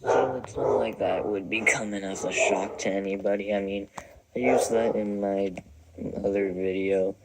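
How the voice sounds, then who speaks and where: A man's voice: fairly low pitch, little pitch movement, moderate pace, very noisy. A young man in his twenties giving casual, wry commentary as he ranks songs, rambling and self-deprecating. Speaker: video creator ranking songs.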